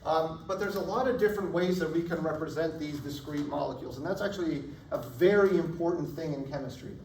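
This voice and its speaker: Recorded from a distance in a reverberant lecture hall with faint noise, a man delivers a chemistry lecture at a fairly quick clip, casual and conversational, often tossing in "right?" to check on students. His somewhat high voice is turning hoarse.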